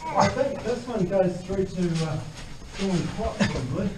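A man's voice: sits high, animated, measured pace. A man chatting casually while exploring a cave, eager and keen to push on. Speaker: caver. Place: deep inside a rock cave. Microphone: action camera carried in the cave. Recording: echoey cave, far from mic, clear noise.

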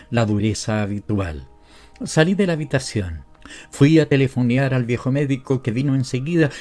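Latin American male audiobook narrator. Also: medium pitch. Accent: Latin American Spanish. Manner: measured, expressive. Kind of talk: literary narration.

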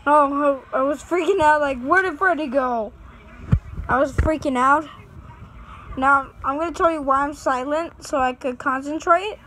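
A woman's voice: high-pitched, normal speed, sharp tone, a little hiss or hum, low-quality recording. A woman giving nervous let's play commentary, sounding scared and pleading with her fans. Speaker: gaming channel host.

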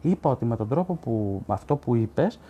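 A man's voice: medium pitch, expressive, warm tone, husky. A man hosting a live stream as a sports journalist, reading viewer comments aloud in casual commentary and arguing bluntly with them, with many fillers and restarts.

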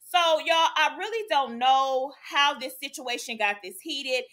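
A woman runs a chatty celebrity gossip vlog in a high, bright voice. She talks to her viewers like friends, calling them y'all and child and ending her points with "okay?". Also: unhurried. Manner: tags lines with "okay?". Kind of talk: casual gossip commentary.

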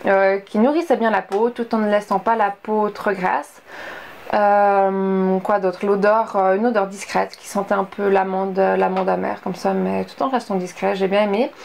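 A woman's voice: mid-range voice, steady tone, normal speed, gravelly, a little mellow, slight background noise. A young woman chatting casually through a beauty product review, full of fillers and asides. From Switzerland. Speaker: beauty vlogger.

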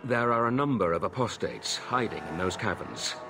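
An actor playing an earnest, stern, honorable knight in a video game, speaking formally and gravely. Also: male voice, lowish voice, lively intonation, normal speed, music in the background.

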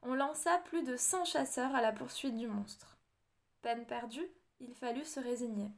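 A woman narrating a storybook audiobook in a measured, expressive read-aloud manner. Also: fairly high pitch, creaky. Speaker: audiobook reader.

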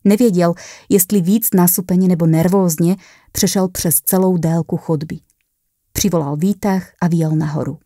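A woman reads a horror short story aloud in a measured storytelling manner. Her voice sits low. The sound is dry and close. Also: fairly even intonation, dark tone, dry recording. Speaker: narrator.

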